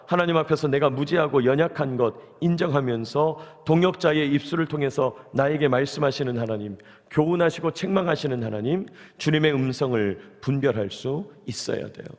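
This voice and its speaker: A male pastor gives an early-morning sermon in a church sanctuary, speaking in a chatty way and checking in with his listeners. His voice sits slightly high and has a gravelly edge. A long hall reverb trails after each phrase. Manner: conversational preaching, asks the congregation questions. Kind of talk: dawn prayer sermon.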